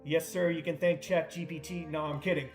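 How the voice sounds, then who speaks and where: A man hosting a livestream in a relaxed, joking way, laughing often. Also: fairly high pitch, fairly quick, faint music behind. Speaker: livestream host. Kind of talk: casual livestream chat.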